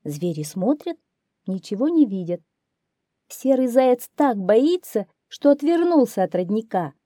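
A woman reading a children's fairy tale aloud in a calm, measured storytelling voice. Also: on the high side, no room sound, clean studio sound. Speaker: audiobook reader.

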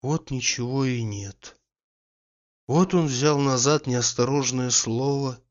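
A man narrating a literary audiobook in a measured, expressive reading. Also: medium pitch, highs cut off.

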